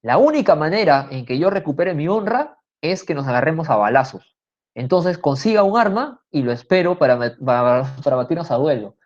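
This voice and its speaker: A woman's voice: low voice, lively intonation, brisk, darkish tone. Woman doing an offended proud old suitor, stern, muffled recording. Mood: indignant. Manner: indignant, challenging.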